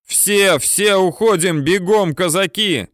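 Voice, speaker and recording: A man voicing a frantic male platoon commander who yells orders to his troops under artillery fire. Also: sits high, sing-song, extremely slow, dry recording, studio quality, voice pushed up, full character voice. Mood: shouting, frantic. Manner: yelling orders.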